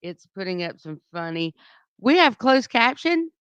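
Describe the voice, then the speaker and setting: A woman's voice: medium pitch, big pitch swings, measured pace, a bit bright, smooth, no echo, muffled recording. A woman with a Southern US accent co-hosting a morning radio show, reading news items and then chatting casually in a studio. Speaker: radio co-host. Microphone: studio microphone.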